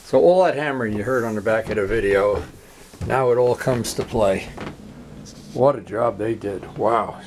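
A man's voice: on the low side, normal speed, a little mellow, slight background noise. Chatty man in a home workshop. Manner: chatty, rambling, jokey asides. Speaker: motorcycle DIY vlogger. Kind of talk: casual workshop vlog.

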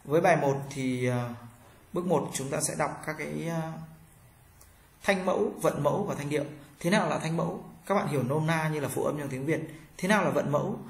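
A man with a fairly high voice teaches pronunciation, stretching each model syllable slowly so learners can copy it. His voice rings in an echoey room. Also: gravelly. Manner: slow, drawn-out model syllables for learners to repeat. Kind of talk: classroom pronunciation lesson.

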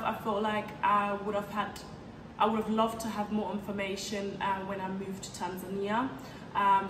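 A young woman from Ghana giving casual advice in a vlog, chatty, with frequent "um" fillers, filmed on a sofa in a bright living room by a camera set back from her. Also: mid-range voice. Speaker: vlogger. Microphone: fixed camera at a distance. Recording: roomy, distant mic with background hiss.

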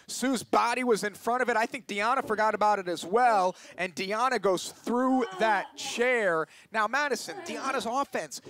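A man's voice: sits high, fairly bright tone. A man doing live play-by-play wrestling commentary. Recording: clear background noise.

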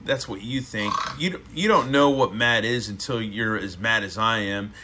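A man's voice: fairly low pitch, normal speed, noisy background, natural voice. A man reading as an angry little girl. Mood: fussing. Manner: fussy complaining. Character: angry young girl stuck with jelly beans.

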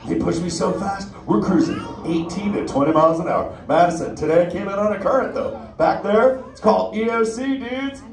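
Talking a little fast with few pauses, a man in a high-pitched voice plays a stoked, laid-back male sea turtle for an interactive theme park audience, slinging surfer slang. Faint music plays, and the recording comes from far back in an echoey indoor theater full of crowd noise.

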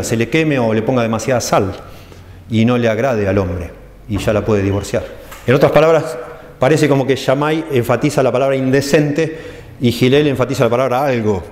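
A man's voice: medium pitch, darkish tone. A man preaching in a church, explaining texts carefully and stressing key phrases, with a Rioplatense Spanish accent. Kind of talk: church teaching sermon. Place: church hall. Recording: echoey church hall, long reverb.

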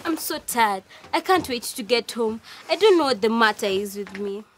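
A woman's voice: fairly high pitch, animated, moderate pace, natural voice. A woman playing a tired, complaining schoolgirl in a children's cartoon.

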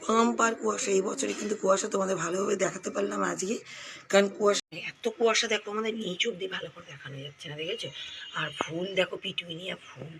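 A woman vlogging casually on her phone outdoors, her voice a little hoarse, chatting to viewers and pointing things out. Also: medium pitch. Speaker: lifestyle vlogger. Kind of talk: casual vlog to camera. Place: outdoors on a foggy rooftop and yard. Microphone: handheld phone camera. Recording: phone audio with outdoor noise.

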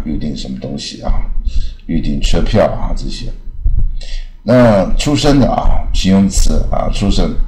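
A man teaching English pronunciation in a casual lesson, drawing out phrases with a trailing "ah" and repeating words slowly to demonstrate. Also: rumbling low, a little mellow. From Taiwan. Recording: echoey room.

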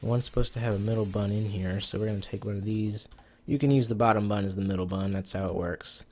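A fairly low, creaky, slightly mellow male voice comes through a rough recording with a bit of background noise. He's a YouTuber casually narrating his play of a browser cooking game to himself, a little short of breath and cursing from time to time.

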